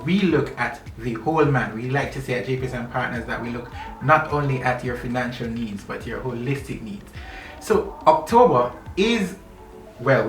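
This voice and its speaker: Upbeat male interviewer, distant and echoey. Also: mid-range voice. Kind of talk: friendly interview questions. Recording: echoey room, distant mic, faint music.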